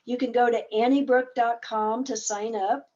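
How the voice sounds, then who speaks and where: A woman therapist hosting a webinar, explaining her methods slowly and casually. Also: fairly high pitch, steady tone, darkish tone, lo-fi sound.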